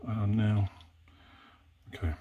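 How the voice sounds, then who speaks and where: A man with a very low voice talks himself through picking a lock. He thinks aloud in a hesitant way, starting phrases over and correcting himself mid-sentence. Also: fairly even intonation, takes it slowly, dark tone, muffled recording, slight background noise. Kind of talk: thinking aloud while working.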